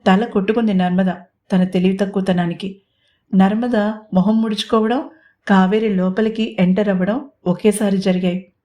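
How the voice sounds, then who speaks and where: A woman narrating a romantic audio story in an expressive storytelling manner. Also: mid-range voice, moderate pace.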